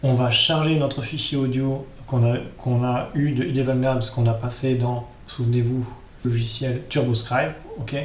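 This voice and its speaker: Talking straight to his viewers at a moderate pace, a man guides them step by step through a casual screen-share tutorial in a mid-range voice with little pitch movement. Roomy echo and clear background noise fill the recording.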